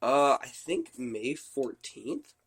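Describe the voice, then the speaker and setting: A man's voice: medium pitch, very animated, slow pace, slightly rough. Nasal-voiced young man hosting a podcast. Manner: easygoing, brief agreeing replies. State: nasal from recovering from illness. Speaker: podcast host. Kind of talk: casual chat.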